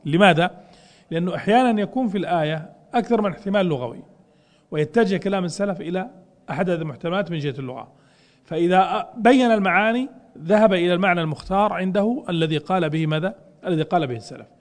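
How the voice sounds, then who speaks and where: رجل يشرح نصًا في درس، ويطرح أسئلة ثم يجيب عنها بنفسه. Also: male voice, high-pitched, rapid-fire, big-room sound. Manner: explains with questions he answers himself. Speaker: teacher explaining a classical text. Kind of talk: lecture.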